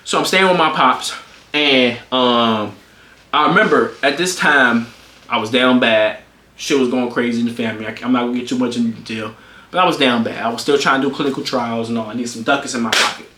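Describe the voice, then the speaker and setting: Young guy in his 20s telling a story, animated, cusses a lot, voice jumps up high, echoey room. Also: a little fast. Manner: animated, swears freely, voice jumps high when worked up. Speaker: streamer. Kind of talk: casual storytelling to camera. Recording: roomy echo.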